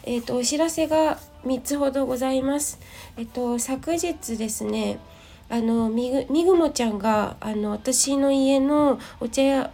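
A woman host speaks in a gravelly, croaky voice, hoarse from having just woken up. Her pitch sits fairly high and her tone is soft-edged and mellow. She chats politely and loosely, thinking aloud as in a casual audio diary. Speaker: host of a personal audio show and tea and clay teacher. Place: at home. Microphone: smartphone.

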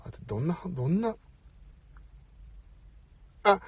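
A middle-aged man with a high-pitched, breathy voice hosts a casual live audio chat, speaking slowly but very animatedly into a phone with no echo. He's talkative, apologetic and self-deprecating, and he's parked outside, away from home.

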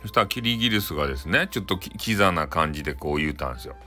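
A man's voice: rumbling low, expressive, very fast, sharp tone, soft background music. A man with a Hakata accent telling a bedtime folktale in a chatty, folksy way, often addressing his listeners. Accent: Hakata dialect. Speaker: storyteller.

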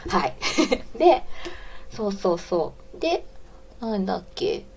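A woman's voice: medium pitch, sing-song, measured pace, darkish tone, husky. Giggly Kansai woman hosting a live stream. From Osaka. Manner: chatty and giggly, often breaking off to greet listeners. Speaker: host of a live audio stream. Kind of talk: casual live radio chat, reading listener comments.

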